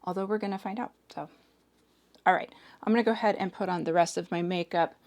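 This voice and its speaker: A hoarse woman in her forties chatting casually as she does her makeup, hedging with "like" and "sort of". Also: lowish voice, steady tone, fast, darkish tone. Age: 40s. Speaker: makeup reviewer. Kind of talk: casual chat while doing makeup.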